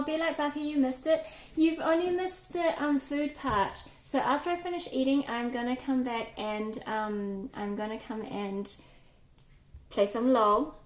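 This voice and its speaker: A woman's voice: sits high, darkish tone. Chatty woman streamer, echoey kitchen. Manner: chatty, greets viewers by name, scattered and distracted. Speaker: live streamer. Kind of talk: casual live-stream chat. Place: home kitchen.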